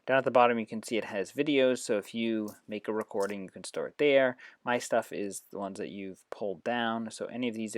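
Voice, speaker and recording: Speaking in a mid-range voice with no echo, an educator gives a relaxed, explanatory demonstration of reading apps, reading some passages aloud.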